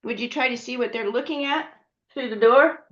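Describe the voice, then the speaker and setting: A woman's voice: on the high side, a little fast, a bit bright. A woman teaching a class in a conversational way, often checking in with her students. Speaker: instructor. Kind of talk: classroom lecture. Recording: dull lo-fi recording.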